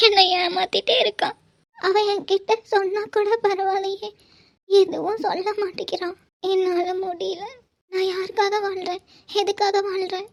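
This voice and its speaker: A woman's voice: extremely high pitch, a little mellow. A woman voicing a heartbroken mother who cries and stammers over her daughter in a cartoon drama. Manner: halting, stammering speech. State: crying. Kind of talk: cartoon voice acting.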